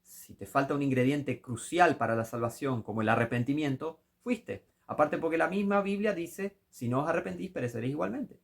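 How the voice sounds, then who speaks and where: A man with a Rioplatense Spanish accent preaching a critical sermon commentary, scolding and rising to impassioned shouts. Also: fairly high pitch, a little fast, creaky, hardly any pauses.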